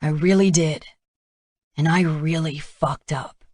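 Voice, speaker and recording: A gruff, regretful man with a low, rough voice, as a woman narrator puts him on in an audiobook. He speaks slowly and quietly. The sound is dry. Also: fairly even intonation, no echo.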